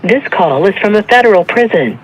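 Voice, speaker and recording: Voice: medium pitch, animated, fairly quick, background noise. A recorded automated voice reading system prompts on a prison phone line. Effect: automated prison phone announcement.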